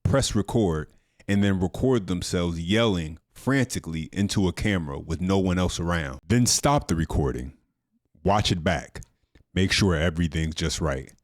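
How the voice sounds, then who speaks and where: A man narrating clips as a commentator, dry and measured. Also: sits low, no echo. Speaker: clip show narrator.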